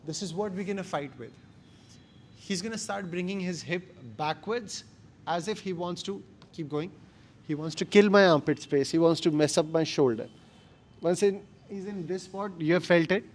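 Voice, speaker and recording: Indian-accented man coaching grappling, higher-pitched voice. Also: moderate pace. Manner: emphatic, short repeated phrases. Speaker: jiu-jitsu instructor. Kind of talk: hands-on martial arts class instruction. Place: indoor martial arts class.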